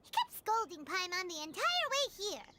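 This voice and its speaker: A woman voicing a tiny, excitable female companion in a video game who talks about herself in the third person. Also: very high-pitched, normal speed, background noise. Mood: curious. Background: game music.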